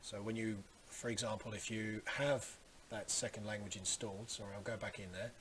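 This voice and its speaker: A man giving a casual, conversational computer tutorial with some hesitation, recorded on a hissy boom microphone. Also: moderate pace. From Australia. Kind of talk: casual screen tutorial narration. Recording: loud steady microphone hiss.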